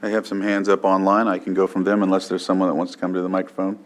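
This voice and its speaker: Low, flat man in a courtroom-style chamber recording. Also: fast. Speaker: meeting chair. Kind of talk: formal public meeting procedure. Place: public meeting chamber.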